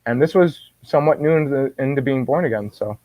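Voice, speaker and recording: A man guest telling a personal faith story in an animated way, often restarting and repeating words. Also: mid-range voice, brisk, dry recording. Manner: animated, acts out his own quoted words. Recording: dull dry lo-fi sound.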